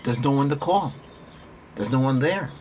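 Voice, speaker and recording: A man speaks at an ordinary pitch, talking through a Reiki healing session in a rambling, earnest way. He repeats himself and restarts sentences as he goes. Birdsong chirps faintly in the background. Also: animated, moderate pace, a little mellow, a little hiss or hum. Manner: earnest, repetitive, conversational, with restarts. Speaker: Reiki practitioner.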